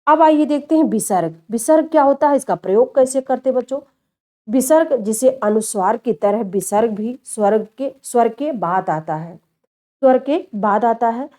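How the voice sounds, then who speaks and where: Woman teaching with a dark, mellow tone. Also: on the high side, expressive, moderate pace. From India. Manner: explains step by step and repeats key terms, addressing students as children. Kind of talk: classroom lecture.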